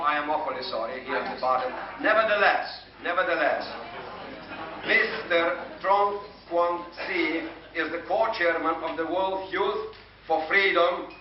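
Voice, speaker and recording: Serving as master of ceremonies, a native Ukrainian-speaking man introduces guests formally, in a courteous, deliberate and ceremonious way, his pitch fairly high. The audio is a muffled, noisy 1980s hall recording, distant and echoey.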